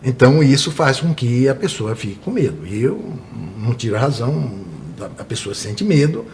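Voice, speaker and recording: A man's voice: medium pitch, big pitch swings, moderate pace, a little mellow, a little hiss or hum. Earnest Brazilian man, tour guide. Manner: earnest, frequent tag questions. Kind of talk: interview guest.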